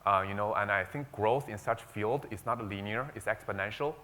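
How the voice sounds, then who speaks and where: Speaking at normal speed in a fairly low voice with a sharp tone, an investor on a conference panel lays out his view. He hesitates often, restarting sentences and leaning on fillers.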